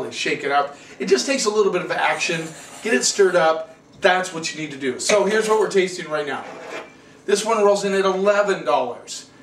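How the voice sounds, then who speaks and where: Chatting to camera in a small indoor room, a middle-aged American man runs his casual wine review show with plenty of rambling asides. His voice is slightly high and a touch bright, and the audio comes through a distant mic that sounds roomy and a little noisy.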